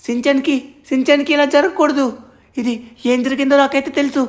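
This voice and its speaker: A woman's voice: high voice, fairly even intonation, a little fast, natural voice. A woman voicing an anxious male superhero in a game role-play, talking urgently and repeating herself. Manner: urgent, insistent, repeats himself. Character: anxious male superhero who knows the villain.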